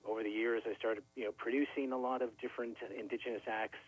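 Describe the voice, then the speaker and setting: A man's voice: mid-range voice, level tone, fast, breathy edge, no room sound. A middle-aged man from Canada, a record label owner, talking casually as an interview guest, friendly and full of fillers. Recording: tinny phone line, dry.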